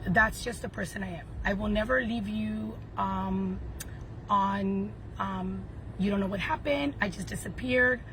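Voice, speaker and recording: A woman's voice: medium pitch, a little slow. Woman, live stream apology, hesitant, earnest, lots of ums, noisy background with traffic.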